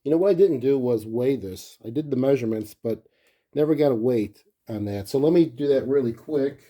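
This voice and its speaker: A man's voice: mid-range voice, a little fast, mellow. A man talking casually and thinking aloud as he presents a hands-on look at a gadget, in an easygoing, unscripted way. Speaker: collector presenting a gadget review.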